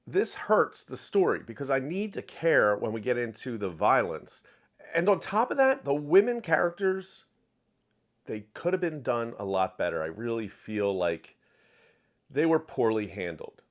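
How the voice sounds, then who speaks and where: This man reviews books on camera with strong opinions, addressing his audience directly in an unhurried, sing-song way. His mid-range pitch moves lively up and down, and he drives arguments home with emphatic stress and repeated phrases.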